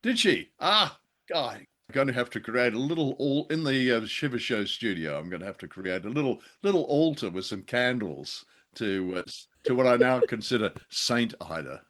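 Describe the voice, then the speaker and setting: An older man co-hosts a casual chat on an old-time radio review show, speaking effusively and with exclamations. His voice is medium-pitched and fairly bright, with lively intonation and a moderate pace.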